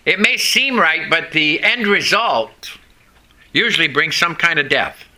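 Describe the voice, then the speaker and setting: With a voice on the high side, lively in intonation and pushed bright, a man preaches a homespun sermon. He grew up in Vermont, USA, speaks French as his first language, and regularly stops between phrases to ask the congregation questions.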